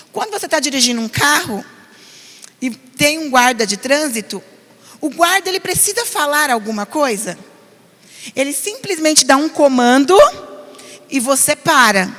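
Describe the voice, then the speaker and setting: A middle-aged woman pastor with a São Paulo Brazilian accent, teaching a parenting class in an earnest, animated way. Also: high-pitched. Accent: Brazilian Portuguese, São Paulo. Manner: earnest, animated, mimics nagging voices. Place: church hall. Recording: long reverb of a church hall.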